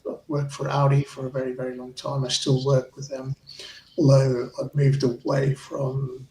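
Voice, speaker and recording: Brief: Zimbabwean-accented man, gravelly voice, friendly and halting, recorded a little off-mic in an echoey room. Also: mid-range voice, completely flat delivery, a little mellow, distant mic. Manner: hesitant, restarts phrases, friendly. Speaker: guest, racing club vice chair. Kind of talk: casual interview chat.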